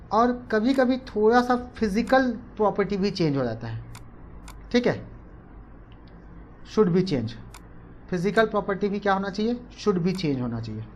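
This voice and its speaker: A woman's voice: fairly low pitch, darkish tone, slight background noise. A woman teaching a chemistry class online, mixing English terms in and repeating questions to the class before answering them herself. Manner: repetitive, asks and answers her own questions; mixes English terms into speech.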